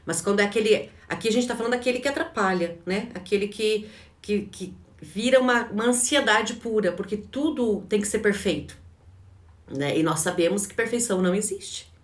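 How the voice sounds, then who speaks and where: A woman's voice: mid-range voice, brisk. A woman with a Brazilian Portuguese accent giving a live online class as a coach. She talks conversationally, ends nearly every phrase with a questioning tag, and often restarts her words. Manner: frequent restarts and repeated words. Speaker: behavioral coach. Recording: roomy, distant mic.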